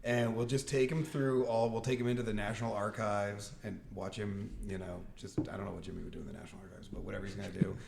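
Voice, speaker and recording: A man's voice: fairly low pitch, fairly even intonation, quick pace, gravelly, hardly any pauses, heavy background noise. A man co-hosting a casual podcast chat, joking and laughing often before steering back to the topic. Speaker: podcast co-host.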